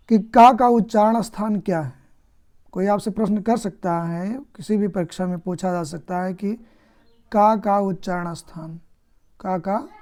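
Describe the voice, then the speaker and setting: Woman teacher, slow and patient, mellow low-key tone, asks and answers her own questions. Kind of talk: grammar lesson.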